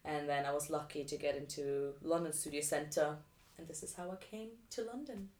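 A dancer from Vienna, Austria, speaks as an interview guest in a living room, casually sharing personal experiences. Her low, darkish voice moves at a normal speed, and the room is echoey.

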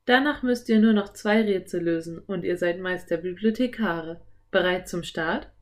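Storybook: calm, mysterious, friendly sorceress, read by a woman. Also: fairly low pitch, moderate pace, close to an everyday voice.

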